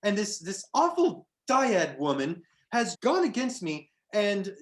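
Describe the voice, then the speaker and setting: Guy doing a whiny hopeful satyr jester, high voice, swoops all over, big and dramatic. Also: very animated, slow pace, heavily acted. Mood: eager. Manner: theatrical, wordy, self-pitying. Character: frustrated but hopeful male satyr jester.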